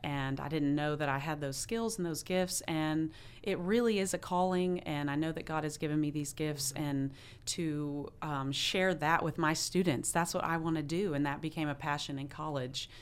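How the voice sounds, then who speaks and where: A woman who teaches choir, speaking earnestly and warmly about her work in an interview. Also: low voice, fairly even intonation, normal speed, clear, resonant tone. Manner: earnest and heartfelt. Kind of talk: interview conversation.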